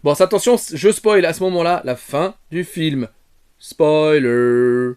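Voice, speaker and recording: A man giving an off-the-cuff film review, rambling with many fillers and restarts, talking straight to his viewers and jumping from soft asides to loud outbursts. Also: high-pitched, lively intonation, normal speed. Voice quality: bearded. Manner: addresses viewers directly. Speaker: retrogaming YouTuber.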